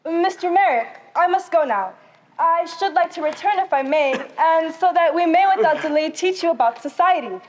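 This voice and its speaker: A young woman performs in a high school play as a gracious and theatrical Victorian actress. She speaks at a moderate pace with a polite, expressive manner.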